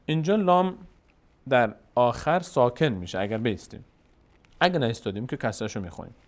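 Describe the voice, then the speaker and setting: Man teaching slow chanted Quran reading. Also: mid-range voice, lively intonation. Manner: alternates drawn-out chanted syllables with quick spoken explanations. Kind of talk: tajweed lesson, spelling out and chanting verses slowly.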